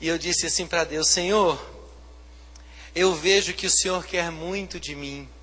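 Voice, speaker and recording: Man, Brazilian Portuguese accent, pastor's sermon, hushed to loud fervent preaching, bright ringing tone. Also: a little high, steady tone, unhurried, in a large hall.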